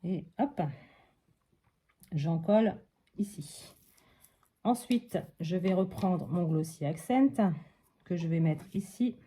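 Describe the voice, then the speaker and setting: Slow, husky French-speaking woman crafting. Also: fairly low pitch. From France. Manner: narrates each step with many fillers and soft "hop". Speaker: crafting vlogger. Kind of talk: casual crafting commentary.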